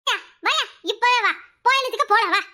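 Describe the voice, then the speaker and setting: Voicing a cartoon village housewife who is sharp-tongued and quarrelsome, a woman scolds at a rapid clip. Her accent is Kanyakumari Tamil and her pitch is extremely high.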